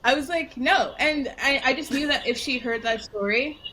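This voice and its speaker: A young adult woman in casual conversation, telling a personal story in an animated way, laughing often and saying "like" a lot. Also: high-pitched, moderate pace. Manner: animated, laughing, heavy use of "like". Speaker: guest storyteller. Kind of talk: casual interview chat.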